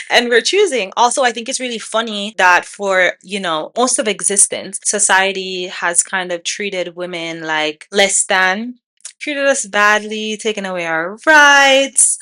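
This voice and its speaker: A woman in her twenties talks through her opinions in a solo podcast, blunt and irreverent. Her voice is bright and forceful, and she often breaks into laughter or fires off rhetorical questions at the listener. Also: medium pitch. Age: 20s. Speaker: podcast host. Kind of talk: casual opinion monologue. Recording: odd-sounding mic.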